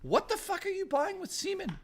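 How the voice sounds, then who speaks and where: A man's voice: very high voice, wildly swooping pitch, brisk. A man chatting casually on a live stream, joking, swearing and answering chat messages. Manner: profane, joking, teasing.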